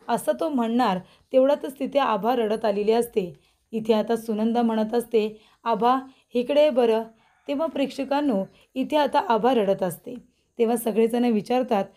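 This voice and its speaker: Female recap narrator, mellow voice, slightly high, reads all the parts herself. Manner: reads all the characters' lines in her own voice, addressing viewers. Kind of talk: scripted narration retelling a TV serial episode.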